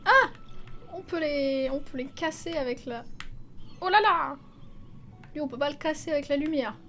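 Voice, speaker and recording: A woman's voice: sits high, a little fast, a bit bright, slight background noise. A young woman giving casual, chatty commentary while playing a video game, exclaiming often and swearing freely. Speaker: video game let's player. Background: faint game music.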